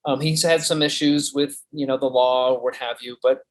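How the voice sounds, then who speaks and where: A man's voice: mid-range voice, fairly even intonation, moderate pace, poor audio. A man, a physician guest in an interview, speaking steadily and listing figures methodically. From Colorado.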